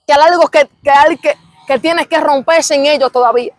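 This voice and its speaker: High-voiced woman giving a fervent testimony. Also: a little fast, dry recording. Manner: fervent, repetitive storytelling with exclamations of praise. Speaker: interview guest. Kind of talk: emotional religious testimony.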